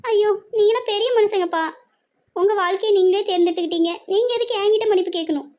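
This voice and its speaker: A woman voicing a distraught middle-aged village mother with a Tirunelveli Tamil accent, shrill and reproachful. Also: fast talker, a little mellow. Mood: wailing reproach. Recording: muffled lo-fi.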